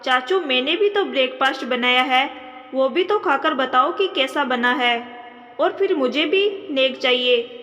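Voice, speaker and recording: A woman's voice: high-pitched, lively intonation, measured pace, a bit bright, lo-fi sound. A woman voicing a young husband with childish, sulky ways. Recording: long reverb.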